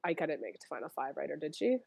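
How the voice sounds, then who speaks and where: A woman chatting casually as a guest, animated and quick, laughing often and circling back to her points. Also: low voice, creaky, breathy edge, no echo. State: allergies, sniffly. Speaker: guest, former reality show contestant. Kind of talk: casual chat.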